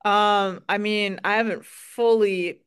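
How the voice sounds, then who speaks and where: A woman's voice: medium pitch, steady tone, slow pace, fairly bright tone, clean tone. A woman with a Wisconsin accent, a dairy farmer answering interview questions in an earnest, folksy way with frequent "um"s.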